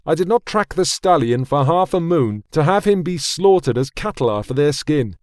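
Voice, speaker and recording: A man's voice: fairly high pitch, expressive, normal speed, no echo, voice pushed up, natural voice. A headstrong young prince of a fantasy tale, voiced by a male narrator, proud and declaiming in a slightly lifted voice. The delivery is close, dry and studio-clean, as on an audiobook. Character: bold, stubborn young warrior prince.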